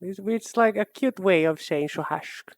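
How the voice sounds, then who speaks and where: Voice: mid-range voice, moderate pace, no echo. A livestreamer from Brazil with a Brazilian accent, a native Portuguese speaker, chatting casually with viewers and thinking aloud. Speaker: art livestreamer. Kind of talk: casual chat with live viewers.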